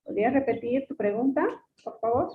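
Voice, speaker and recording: A woman's voice: fairly high pitch, fairly quick. A woman teacher giving an online class, explaining patiently, repeating her points and calling her students "jóvenes". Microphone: computer mic on a video call. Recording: echoey, phone-like video call audio.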